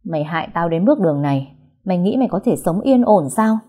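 A woman's voice: lowish voice, animated, fast talker, dark tone. A woman voicing a young man, an unstable ex-husband who begs and then threatens. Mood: menacing. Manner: threatening, rough-spoken.

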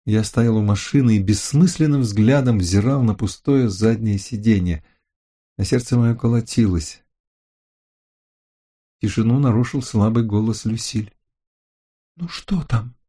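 A man with a husky voice narrating a first-person crime novel as an audiobook. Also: lowish voice, a little slow, dark tone.

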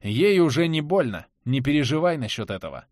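A man voicing a gruff, blunt, tough male survivor in an audiobook. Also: on the high side, very animated, fairly quick, a little mellow, no echo, clean studio sound. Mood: grim, cold. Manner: blunt, scornful.

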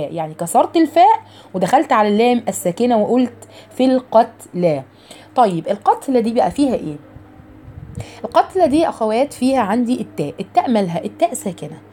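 A woman with an Egyptian accent leads a recitation lesson in a fairly high, mellow voice. She chants slowly and stretches each syllable, then drops into relaxed, chatty teaching and repeats model sounds for her students to copy. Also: slight background noise. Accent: Egyptian Arabic. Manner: slow drawn-out chanting alternating with chatty explanation. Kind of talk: online recitation lesson for women.

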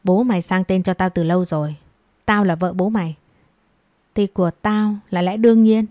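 A woman's voice: mid-range voice, steady tone, moderate pace, mellow, dry recording, studio quality, close to an everyday voice. A woman voicing a cruel, scornful middle-aged stepmother who scolds harshly and taunts with contempt. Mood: scornful scolding.

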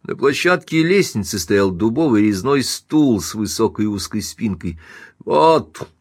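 A male audiobook narrator reading a classic novel with a dramatic, measured delivery. His voice sits on the low side and the recording is dry, close and free of room sound. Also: lively intonation, slightly rough, no room sound.

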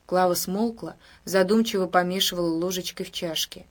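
A woman reading a story aloud in an even, measured narration. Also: lowish voice. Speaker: audiobook narrator. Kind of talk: scripted narration.

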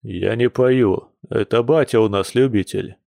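A man doing a hungover werebear man, low and sorry for himself, who groans and moans through each line like he's dying. the voice sits low and the recording is dry and close. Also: unhurried, vocal fry, a little mellow, dry recording. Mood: groaning. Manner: groaning, mournful. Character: hungover male bear werewolf, gloomy and self-pitying.

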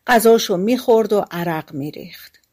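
Woman narrating a fairy tale. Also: mid-range voice. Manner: calm, colloquial storytelling. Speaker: audiobook narrator.

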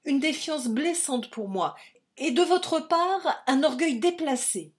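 Tender young woman, voiced by a female reader, emotional, insistent, raised and high, audiobook tale. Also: expressive, takes it slowly. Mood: indignant. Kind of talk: audiobook character reading.

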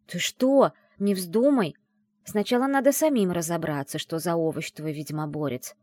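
A woman reading an audiobook and voicing a brash, teasing young woman who is the heroine's best friend, talking in a loud, mocking, bossy way. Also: medium pitch, very animated, brisk, no room sound, clean studio sound, pitched above the performer's own voice, natural voice.

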